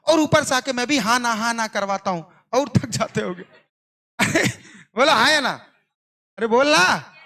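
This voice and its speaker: In a coaching class, a man with a very high-pitched, sharp voice lectures by firing off questions and repeating the answers. He teases and scolds the sleepy students in a playful call-and-response style.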